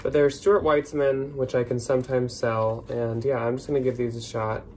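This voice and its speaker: Speaking at a normal speed in a level, darkish mid-range voice, this twentysomething American host keeps things casual and chatty, vlog-style. He's indoors in a small, plain room, and slight background noise is present.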